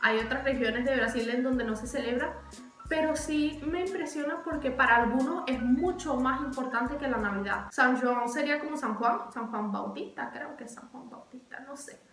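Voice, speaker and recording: A woman's voice: high-pitched, normal speed, fairly bright tone, faint music behind. A young woman chatting animatedly as a vlogger, repeating words for emphasis. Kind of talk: casual chatty explainer. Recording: echoey room.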